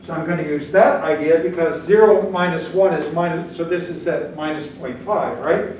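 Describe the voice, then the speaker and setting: With a fairly high, slightly mellow voice at normal speed, an older German-speaking man gives a blunt, easygoing statistics lecture at the whiteboard, often checking in with his class. The classroom audio, recorded by a camera at the back of the room, is far off, echoey, and noisy.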